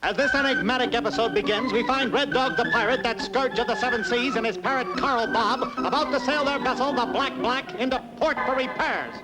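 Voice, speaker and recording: A man's voice: very high-pitched, a little fast, hardly any pauses, loud music behind the voice, poor audio. A man voicing a mock-dramatic cartoon narrator with grandiose, scripted delivery.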